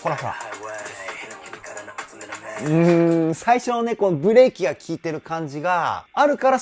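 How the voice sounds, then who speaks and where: Animated male vocal coach, very lively pitch. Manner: animated, enthusiastic explaining. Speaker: vocal trainer. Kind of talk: reaction and vocal analysis commentary.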